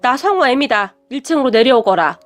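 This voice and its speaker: A woman voicing a furious, snobbish middle-aged mother who shouts with contempt. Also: sits high, sing-song, normal speed, soft background music. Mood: angry, scornful.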